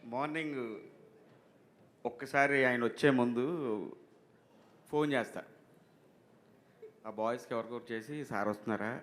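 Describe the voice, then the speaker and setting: Bright-voiced man telling a story. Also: medium pitch, measured pace, pauses often. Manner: animated storytelling, acting out dialogue. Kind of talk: casual anecdote.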